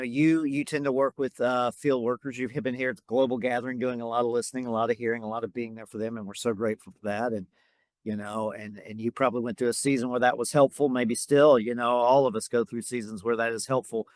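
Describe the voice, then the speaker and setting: A man's voice: mid-range voice, flat delivery, brisk, darkish tone, no room sound. Thoughtful male podcast host asking questions. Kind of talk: conversational podcast interview.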